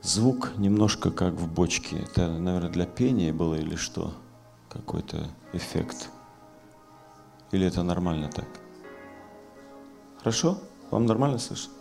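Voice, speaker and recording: A male pastor preaching a sermon emphatically with repeated key phrases, his voice booming with a hollow effect as if inside a metal tank. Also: animated, moderate pace, creaky, pauses often, darkish tone. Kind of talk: sermon to a youth gathering. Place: hot hall, speaking over a sound system with monitors. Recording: boomy barrel-like hall sound effect, music behind.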